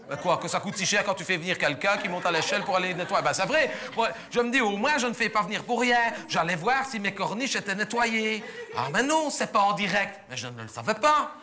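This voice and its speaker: On a theatre stage before a live audience, a man with a Belgian French accent plays a naive, gossipy middle-aged housewife in a stand-up monologue. His high-pitched voice is very animated, fairly quick, bright and forceful, heavily acted. The storytelling is chatty, indignant and breathless.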